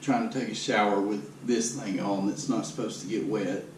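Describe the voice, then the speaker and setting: A man's voice: lowish voice, steady tone, normal speed. A man giving a casual video update in a downbeat, resigned, matter-of-fact way. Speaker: vlogger giving a personal health update. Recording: roomy, noisy, distant camera microphone.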